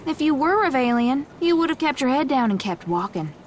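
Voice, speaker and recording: An actress playing a gruff, wary young gunslinger in a video game, stubborn and world-weary, with a blunt, folksy Southern US drawl. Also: female voice, high voice, sing-song, brisk, a little hiss or hum. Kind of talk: video game character acting.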